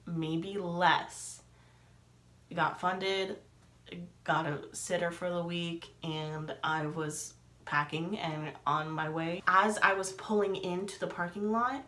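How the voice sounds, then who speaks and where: A woman's voice: fairly low pitch, bright, forceful tone. A young adult woman vlogger telling a personal story in a chatty way, with many fillers and acted-out dialogue. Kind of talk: casual storytelling. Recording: echoey room.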